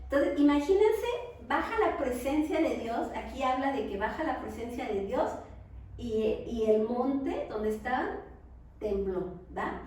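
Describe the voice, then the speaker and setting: A woman with a Mexican accent teaching a Bible lesson in church, talking conversationally and often checking with her listeners through quick questions. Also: high voice, expressive, darkish tone. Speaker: preacher. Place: large echoey church hall. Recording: very echoey hall, speaker far from the mic, faint noise.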